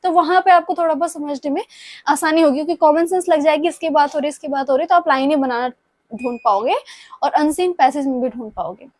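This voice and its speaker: A young woman with a sore throat teaches Spanish grammar to exam students, patient and repetitive, often pausing to check in with them. Her voice sits high, and the recording is dry and close with no room sound. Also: no room sound. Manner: patient, repeats points, checks in with "ठीक है?". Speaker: Spanish tutor.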